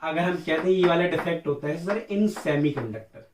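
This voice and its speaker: A man's voice: a little high, a little fast, recorded from a distance, slight background noise. A man teaching chemistry in a lecture, asking questions and answering them himself as if he were the students, repeating key terms back and forth. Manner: calls listeners beta and sir. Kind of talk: classroom lecture. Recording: echoey room, voice from off-mic.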